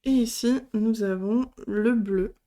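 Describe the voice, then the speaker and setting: A woman's voice: a little high, slow, dark tone. A woman hosting a casual product demo, speaking hesitantly with many fillers as she shows items one by one. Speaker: craft channel host.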